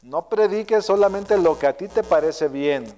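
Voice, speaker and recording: A male pastor preaching an earnest, self-searching sermon, his voice often trailing low and soft at the ends of phrases. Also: lively intonation, moderate pace. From Mexico. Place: church sanctuary. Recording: long hall reverb.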